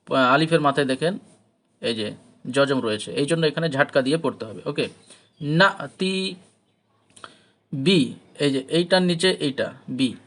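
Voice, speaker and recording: A man with a Bengali accent teaching Quran recitation, who chants verses slowly with long drawn-out vowels and then explains pronunciation rules in quick spoken asides. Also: fairly high pitch, fairly bright tone.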